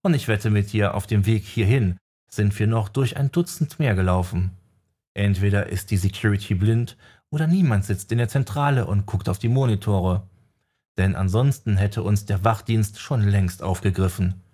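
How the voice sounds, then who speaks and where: A wry young male elementalist mage, chatty and joking as he lays out his plans. His voice sits low and a little husky, close to the narrator's own. The delivery has a storybook feel. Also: moderate pace, warm tone. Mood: reasoning. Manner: joking and explanatory. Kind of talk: audiobook character voice.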